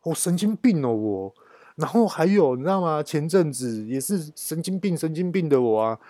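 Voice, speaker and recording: A man's voice: fairly high pitch, animated, moderate pace, mellow, no room sound. A young man hosting a casual solo podcast, telling rambling, self-mocking stories. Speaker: podcast host.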